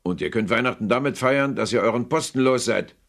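A man's voice: lowish voice, lively intonation, fairly quick, creaky, a bit bright, voice pushed up, heavily acted. A man voicing a grumpy old male miser who growls curt, scornful retorts in a storybook reading. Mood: snarling.

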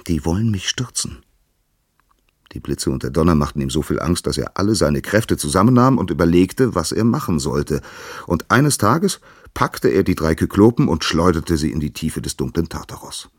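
A man reads old myths aloud with dramatic expression. His voice sits low and sounds husky, with wide swings in pitch, recorded close and dry. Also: lively intonation, moderate pace, no echo. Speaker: narrator. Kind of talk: storybook narration of myths.

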